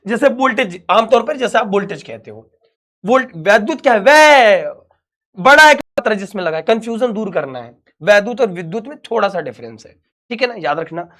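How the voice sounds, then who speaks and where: A man's voice: sits high, animated, brisk, sharp tone. A young man, teaching an online physics class in a chatty, reassuring way and calling the students his dear children.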